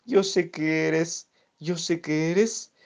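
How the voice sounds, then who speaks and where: A man doing a high squeaky lost baby bird. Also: slow, creaky. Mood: pondering. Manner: high, cries out and pleads. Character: small lost baby bird, anxious and eager.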